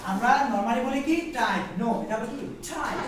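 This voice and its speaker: A woman's voice: a little high, moderate pace, noisy background. A woman teaching English pronunciation to a class, drilling sounds by repetition and quizzing the students. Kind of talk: classroom lesson with call-and-response drills. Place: large echoey classroom. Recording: very echoey classroom from far off. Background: class of students responding.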